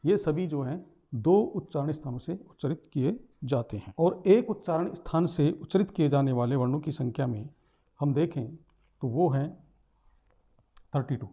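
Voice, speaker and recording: A man's voice: on the high side, moderate pace, dark tone, husky. A man teaching a lesson, explaining step by step, repeating terms and sounding out letters.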